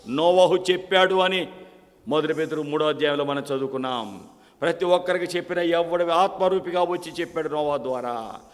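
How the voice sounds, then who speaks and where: Man, pastor, Sunday sermon, fairly high voice, rhetorical questions, chanted lists, long hall echo. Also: brisk. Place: church service.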